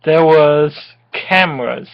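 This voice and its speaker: A drunk woman co-reading a fan story aloud gives a mock-dramatic, unpolished amateur performance, giggling, stumbling over the text and tossing in sweary casual asides. Her voice is low with vocal fry, she takes it slowly, and the audio is dull.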